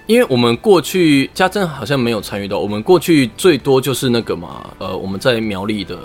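A man's voice: medium pitch, big pitch swings, brisk, faint music behind. A man with a Taiwanese accent hosting a podcast in a casual, conversational style. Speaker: podcast host. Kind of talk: casual chat.

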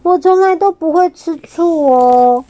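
A woman voicing a timid, easily scared storybook animal child, speaking slowly and hesitantly. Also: extremely high pitch, mellow, voice pushed up. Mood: boastful.

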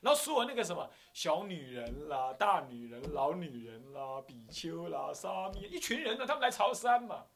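A man's voice: a little high, very animated, moderate pace, vocal fry, hardly any pauses, fairly bright tone. A man with a Taiwanese Mandarin accent, a Buddhist abbot lecturing who acts out little scenes and chuckles often.

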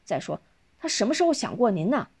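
A woman's voice: a little high, big pitch swings, fairly quick, a little mellow, breathy edge, voice pushed up, heavily acted. Woman doing a blunt, scornful younger man.

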